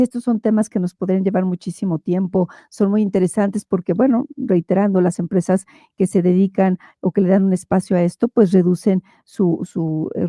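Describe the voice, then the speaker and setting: A woman hosting a podcast interview, speaking in a measured, courteous way with frequent hesitations. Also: mid-range voice, dark tone, dry recording, studio quality. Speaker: podcast host.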